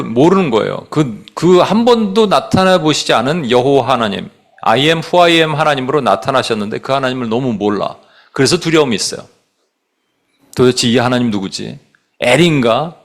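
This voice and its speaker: A man preaching in a lively voice that swings up and down in pitch. He keeps asking the congregation questions and mixes in English phrases. He acts out the biblical dialogue in the voices of its speakers. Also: vocal fry. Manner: animated preaching with rhetorical questions. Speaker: pastor. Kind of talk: sermon.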